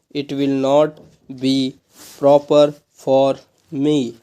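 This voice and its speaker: A man reading slow dictation for shorthand practice, measured and broken into short phrases with pauses between them. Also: mid-range voice, mellow, clear, resonant tone.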